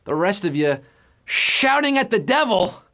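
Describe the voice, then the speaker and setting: A man hosting a live trivia game show, reading questions with playful, jokey patter and sudden jumps in pitch. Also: very animated, unhurried, pushed and bright.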